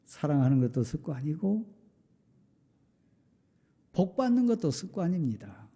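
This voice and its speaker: A middle-aged male pastor preaching a sermon, firing off rhetorical questions and sometimes dropping to a soft confessional tone. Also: fairly high pitch, very animated, a little slow, husky. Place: church sanctuary.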